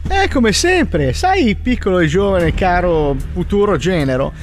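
A man's voice: high-pitched, very animated, measured pace. A man playing a smug, foul-mouthed rich father who brags and bullies in a comedy parody dub. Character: smug, crude rich father bullying others.

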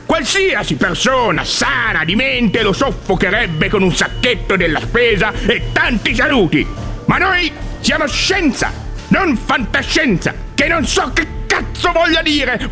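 Shrill, deranged mad doctor. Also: male voice, sharp tone, full character voice. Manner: ranting, crude, arrogant. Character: deranged, foul-mouthed, amoral male mad doctor. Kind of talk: satirical medical mockumentary monologue.

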